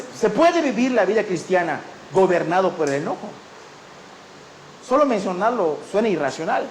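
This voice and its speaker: A man preaching a sermon as pastor, animated and storytelling, often taking on the voices of others. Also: sits high, echoey room, slight background noise, low-quality recording. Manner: animated preaching, acting out the people in his stories.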